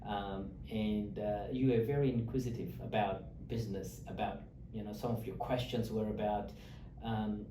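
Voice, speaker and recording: A man's voice: on the low side, fairly even intonation, normal speed, noisy background. A man hosting an interview as a lawyer, speaking in a friendly, talkative way with many fillers and restarts. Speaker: host, lawyer. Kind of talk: interview chat. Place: office or meeting room in Australia. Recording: echoey room, mic at a distance.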